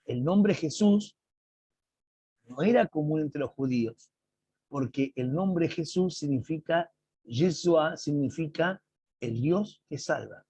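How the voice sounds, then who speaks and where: Man, Bible teacher in an online class, husky voice, dry close sound. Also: a little high, animated, warm tone, no room sound. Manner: slow, emphatic explaining with dramatic read-aloud quotes. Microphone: video call.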